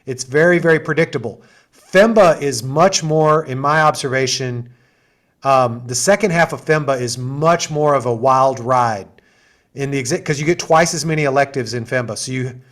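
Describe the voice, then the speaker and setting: A man's voice: medium pitch, fairly bright tone. A middle-aged man explaining programs as an assistant dean in a chatty, enthusiastic way, full of asides and fillers, on a video call. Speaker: assistant dean hosting an info session.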